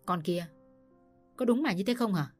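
A woman's voice: medium pitch, lively intonation, normal speed, soft background music, natural voice. A woman voicing a stern older father-in-law who barks at the family, in a storybook reading. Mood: gruff. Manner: barking.

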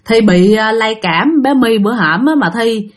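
A woman's voice: fairly high pitch, animated, normal speed. A woman with a Southern Vietnamese accent and a slight cough, hosting a ghost story channel and telling stories in a casual, chatty way that often speaks straight to her listeners. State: has a cough.

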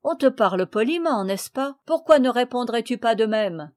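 Gruff loyal peasant man, blunt and mocking, storybook reading, voiced by a woman. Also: a little high, lively intonation, normal speed, darkish tone, no echo, clean studio sound, close to an everyday voice.

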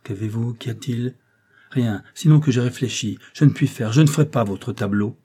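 A man's voice: mid-range voice, normal speed, dark tone, husky, lightly acted. A man reading the lines of a proud, touchy young painter in an audiobook, tense and defensive. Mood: angry.

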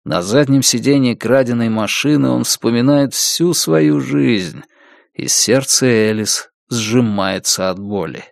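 A man reads an audiobook in a steady, measured way, his mid-range voice carrying a noticeable gravelly texture. The recording is dry and close, with no room sound around him. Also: medium pitch, no room sound. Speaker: audiobook narrator. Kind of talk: scripted narration.

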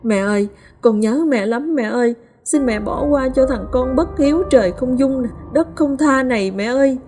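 A woman's voice: a little high, a little slow, warm tone, in a large hall, faint music behind, pitched above the performer's own voice, lightly acted. A woman voicing a grief-stricken young man who wails and sobs out his remorse to his mother. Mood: wailing, remorseful. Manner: wailing, sobbing laments.

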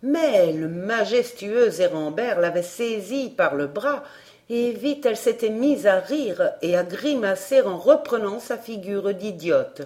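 Slow, expressive woman reading a storybook. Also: mid-range voice. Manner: expressive and measured. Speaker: audiobook reader. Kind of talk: storybook narration.

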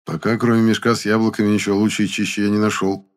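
A man narrating an audiobook in the first person with an even storytelling delivery. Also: on the low side, racing.

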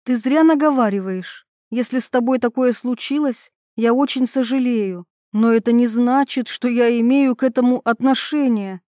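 A woman's voice: fairly high pitch, normal speed, hardly any pauses, dark tone, dry recording, studio quality, close to an everyday voice. A woman voicing a scheming, cold woman who talks sharply and dismissively.

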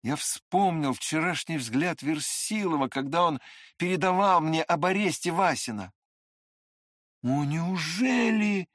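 A reader narrating a classic novel in expressive, scripted audiobook style. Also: mid-range voice, moderate pace, no echo, clean studio sound.

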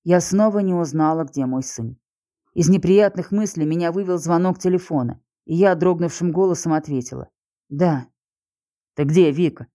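A woman's voice: lowish voice, moderate pace, warm tone. A woman reading a first-person audiobook in an intense, dramatic way. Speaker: audiobook narrator.

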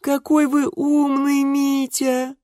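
A man voicing a pair of teasing young society sisters in a sing-song, high voice. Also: huge pitch swings, moderate pace, dry recording, clean studio sound. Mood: teasing, gushing.

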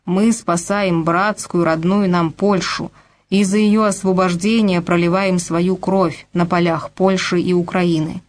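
A woman's voice: lowish voice, steady tone, unhurried, lightly acted. A woman reading an audiobook, voicing an earnest, persuasive male colonel in her own voice. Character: earnest middle-aged male Russian colonel.

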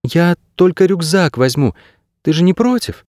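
Brief: male reader doing a curious, chatty teen girl in an audiobook, high and lively. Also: brisk, no echo, studio quality. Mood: coaxing. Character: frightened teenage schoolgirl, curious and chatty.

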